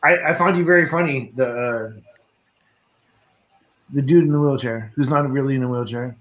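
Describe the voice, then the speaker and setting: A man's voice: medium pitch, moderate pace, a bit bright, reverberant, rough recording. A drunk man chatting on a live stream in a friendly, rambling way. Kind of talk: casual live-stream chat.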